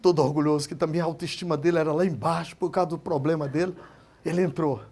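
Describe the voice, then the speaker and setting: A man, a pastor, giving an emotional testimony sermon, speaking to his listeners as brothers and swinging from quiet storytelling to loud proclamations. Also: a little high, steady tone, fast. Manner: impassioned, addresses listeners as brothers.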